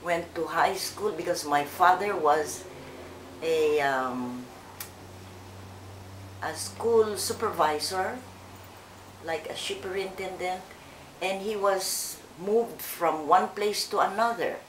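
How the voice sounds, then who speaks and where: An older woman from the Philippines, recalling her life slowly and haltingly in an oral history interview. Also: fairly low pitch, echoey room, a little hiss or hum, low-quality recording. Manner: slow, hesitant, with many fillers and restarts.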